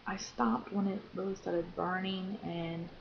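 A young American woman records a casual video diary, speaking informally and haltingly with drawn-out pauses. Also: medium pitch, steady tone, creaky. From Florida, United States. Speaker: vlogger. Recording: dull lo-fi sound, faint background noise.

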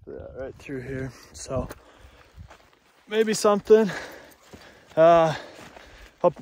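A young adult man records a casual shed-hunting vlog in open scrubland, rambling with fillers into a close-held phone camera. His voice is slightly high and slightly mellow, with a touch of hiss or hum in the recording.

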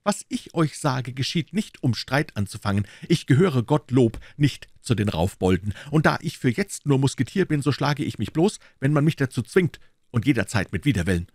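A man's voice: mid-range voice, sing-song, moderate pace, a little mellow, no echo, studio quality, voice pushed up. A man voicing a cold, haughty young male musketeer with icy, disdainful courtesy in an audiobook reading. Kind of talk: audiobook character voice.

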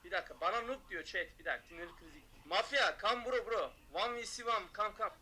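Loud taunting young-sounding man streamer. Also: high voice, a little fast. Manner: loud, taunting, mocking shouts. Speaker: gaming streamer. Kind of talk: excited gameplay commentary.

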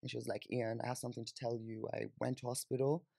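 Talking fast in a gravelly, dark, mid-range voice with a level tone, a young adult Kenyan-accented man tells personal stories as a podcast guest, peppered with "like" and "you know." He sits on a sofa in a small indoor studio, close to a boom-arm studio microphone. The studio-quality audio has no echo.

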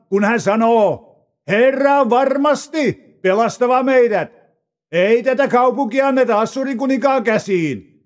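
A man's voice: sits high, pitched above the performer's own voice. A man reading the part of a boastful male envoy of a conquering king, with a taunting, declamatory delivery. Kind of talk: dramatized scripture reading.

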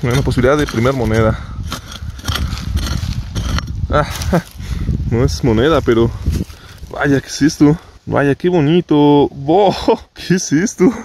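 A man vlogging outdoors while metal detecting, talking excitedly to viewers and laughing often. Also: mid-range voice, normal speed, background noise. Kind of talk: outdoor treasure-hunting vlog. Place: outdoors on a hillside.

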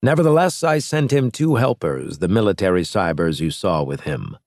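This audiobook character voice is a cold, calculating male alien strategist, rendered by a man in a scratchy, disguised, clipped and condescending manner. The low voice has a sing-song lilt and darkish tone at a moderate pace, captured in a dry, clean studio recording.

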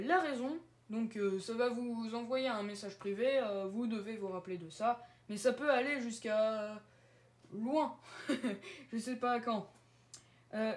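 A woman's voice: a little high, a little mellow. A woman casually walking viewers through her online chat servers on screen, hesitant with many fillers and small giggles. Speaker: Discord server owner showing her servers. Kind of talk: casual screen-share walkthrough. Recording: roomy echo.

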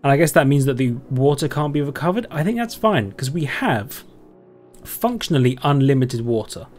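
A man's voice: medium pitch, big pitch swings, normal speed, darkish tone, faint music behind. A man doing gameplay commentary, thinking aloud in a rambling way and asking himself questions. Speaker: game streamer, let's play host.

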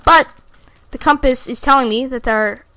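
A woman hosting her own gaming channel, giving live gameplay commentary in an excitable, foul-mouthed way and talking straight to her viewers. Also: high-pitched, moderate pace. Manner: excitable, swears freely, talks straight to viewers.

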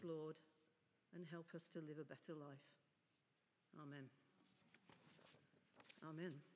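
Speaking into a lectern mic inside a big stone church, a middle-aged woman serving as lay preacher gives a sermon that includes prayer. Her cough-roughened, husky voice is medium in pitch and a bit bright, and she talks informally, tossing chatty asides to the congregation. Long reverb fills the recording.

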